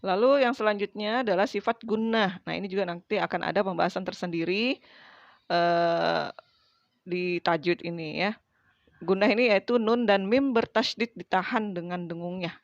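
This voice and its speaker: A woman's voice: medium pitch, moderate pace, no room sound, dull audio. Chatty woman teaching letter sounds. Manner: chatty, demonstrates letter sounds, frequent fillers. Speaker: Quran recitation teacher. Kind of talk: casual tajwid lesson.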